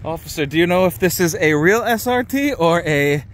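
A man in his thirties vlogging casually while walking through an outdoor car lot, excited and chatty, filmed on a handheld camera at arm's length. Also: a little high, normal speed. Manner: excited, chatty, laughs often. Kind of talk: casual vlog walkthrough. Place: outdoor impound parking lot.

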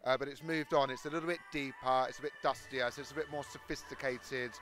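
A man's voice: medium pitch, steady tone, fast, a bit bright. A man in his thirties with a South London accent, explaining his work as a hairdresser in an interview on a handheld microphone in a large hall. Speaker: hairdresser demonstrating his technique. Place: large exhibition hall backstage.

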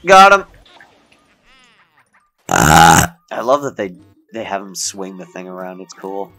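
A young man playing a video game, chatting playfully and muttering low asides. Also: sing-song, slow pace, gravelly, pushed and bright. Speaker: let's play host. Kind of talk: casual gameplay chat.

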